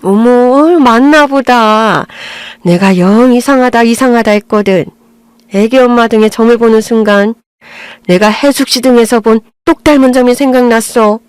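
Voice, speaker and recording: A woman reading as a chatty middle-aged bathhouse attendant, talking in a lively, familiar way. The sound is dry and close. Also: a little high, normal speed, smooth, no room sound, lightly acted. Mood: amazed.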